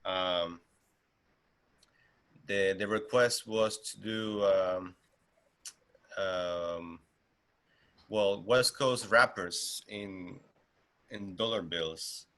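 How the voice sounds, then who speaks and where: A man's voice: sits low, steady tone, drawn-out words, pauses often, sharp tone. A man in his thirties from Argentina, a guest artist talking casually in an interview, with many fillers and restarts.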